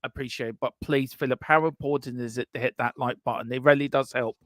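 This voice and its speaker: Male streamer, loose rambling chat, dry close sound, mid pitch. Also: steady tone, brisk, a bit bright, dry recording. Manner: rambling, full of fillers and restarts. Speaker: stream co-host. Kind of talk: casual live watchalong chat.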